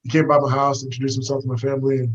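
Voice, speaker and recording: Young US man, quick relaxed storyteller on a walk, slightly muffled recording. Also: medium pitch. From United States. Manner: easygoing, rambling with many fillers. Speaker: guest, fighter. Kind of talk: casual storytelling interview. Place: walking outdoors.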